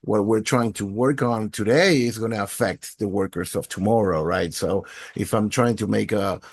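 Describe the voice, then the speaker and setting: Here a fairly low, husky male voice moves at normal speed over a dry recording. The speaker, a Venezuelan education technologist in his forties, is a podcast guest giving thoughtful, fluent interview answers in English as he shares his story.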